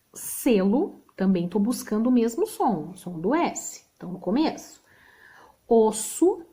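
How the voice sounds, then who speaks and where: A woman's voice: medium pitch, warm tone. Patient Brazilian woman teaching spelling. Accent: Brazilian Portuguese. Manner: patient, checks in with "tá?" often. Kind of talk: recorded remote spelling lesson.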